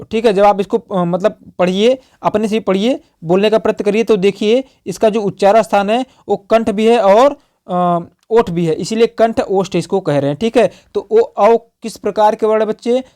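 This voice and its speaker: A man's voice: high voice, a little mellow, clear, resonant tone. A male teacher going through exam prep questions in a lesson. He keeps asking and answering his own questions, repeating key terms as he writes on the slide. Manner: repetitive quizzing, asks and answers own questions.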